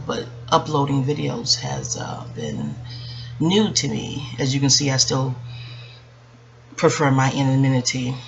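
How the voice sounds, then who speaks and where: A female video channel host in her forties talks to viewers at home in a quiet, dark room, rambling and reflecting in a hesitant, digressive way. Her extremely low, gravelly voice is hushed so she won't wake others. The audio is dull and lo-fi, muffled, with faint background noise.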